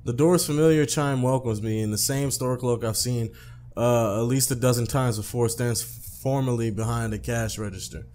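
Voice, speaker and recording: A man with a mid-range, slightly mellow voice hosts a let's play, reading a visual novel aloud at normal speed. He's conversational, tossing in casual asides, stumbling and rereading lines.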